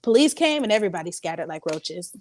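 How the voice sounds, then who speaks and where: A woman co-hosting a podcast, telling blunt, crude stories in casual chat. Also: lowish voice. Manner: fast, animated storyteller, blunt and crude. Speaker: podcast co-host.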